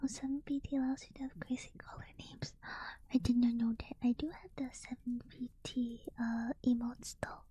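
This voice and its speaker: A sleepy woman whispering softly as she chats with her stream and reads a book aloud. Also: on the high side, fairly even intonation, normal speed, husky. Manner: soft unvoiced whisper throughout. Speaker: livestream host. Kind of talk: whispered casual stream chat and reading aloud.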